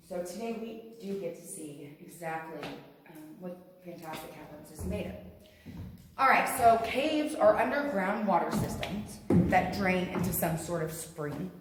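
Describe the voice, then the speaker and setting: Lady cave tour guide chatting to her group, super echoey cave sound, bit of noise behind her, folksy and informal. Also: lowish voice. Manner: chatty, folksy, addresses group as "you guys". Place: inside a large underground cave. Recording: echoing cave with long reverb, faint noise.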